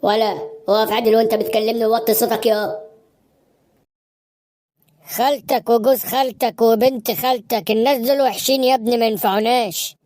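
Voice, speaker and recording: A woman's voice: on the high side, fairly even intonation, fairly quick, long pauses, darkish tone, close to an everyday voice. A woman voicing a stern middle-aged father in a cartoon, scolding with an Egyptian Arabic accent. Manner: scolding, lecturing.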